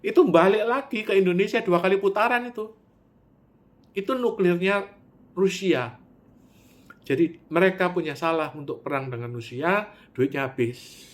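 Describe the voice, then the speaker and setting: Animated man, high voice. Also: normal speed, long pauses. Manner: animated storytelling, with sudden loud pitch jumps and drops to near-mutter; Javanese words mixed in. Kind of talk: monologue.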